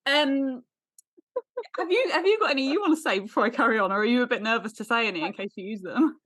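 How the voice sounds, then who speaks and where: A woman's voice: fairly high pitch, expressive, quick pace, a bit bright. A woman co-hosting a podcast, chatting casually, playful and laughing often. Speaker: podcast co-host. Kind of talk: casual chat.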